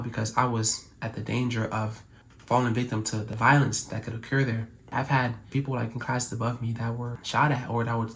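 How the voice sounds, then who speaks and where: A man's voice: medium pitch, fairly bright tone, a little hiss or hum. A young man from Cameroon whose first language is French, talking earnestly to camera in a casual, reflective way. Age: young adult. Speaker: YouTuber.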